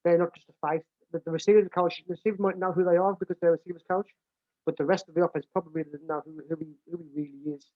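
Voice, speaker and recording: This British man coaches American football and explains things casually in a big, plain-spoken voice that sits a little high with little pitch movement. He talks very fast, often restarts and repeats words, and there's no echo. The sound is dry and thin, like a phone line.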